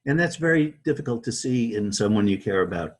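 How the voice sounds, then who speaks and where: A man being interviewed as a guest, talking in a halting way with many restarts and repeated words. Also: mid-range voice, expressive, slightly rough. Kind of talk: conversational interview.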